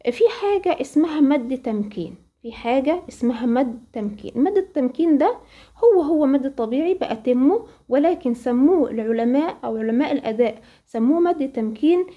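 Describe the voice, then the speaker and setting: A woman with an Egyptian accent teaching a Quran recitation lesson, asking questions and then answering them, and slowly reciting the examples. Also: high voice, expressive, lo-fi sound. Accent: Egyptian Arabic. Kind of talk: tajweed lesson.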